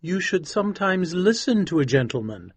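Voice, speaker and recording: A polite reserved gentleman. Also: sits high, very animated, normal speed, husky, dry recording, heavily acted. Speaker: Winterbourne. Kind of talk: audiobook dialogue acting.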